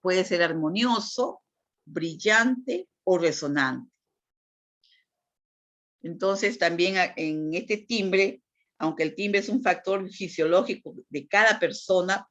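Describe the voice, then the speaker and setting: Low-voiced woman teacher lecturing. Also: slow, a bit bright. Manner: explanatory, frequent tag questions. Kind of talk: lecture on communication. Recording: dull lo-fi recording.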